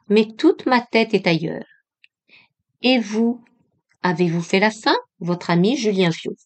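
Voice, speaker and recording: A woman reading an old diary aloud as an audiobook, in an earnest, measured way with emphatic rises. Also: fairly low pitch, darkish tone. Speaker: audiobook reader.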